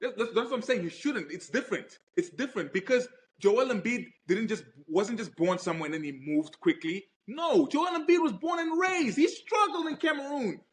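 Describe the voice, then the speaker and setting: A man in a casual podcast debate, emphatic and animated, with a lot of "bro" and repeated points. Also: extremely high pitch, normal speed. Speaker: podcast co-host.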